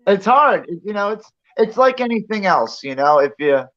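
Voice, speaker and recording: A man's voice: high-pitched, sing-song, normal speed, fairly bright tone, muffled recording. A man from New Jersey hosting a casual livestream, rambling and laid-back and swearing freely. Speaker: livestream host. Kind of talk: casual chat.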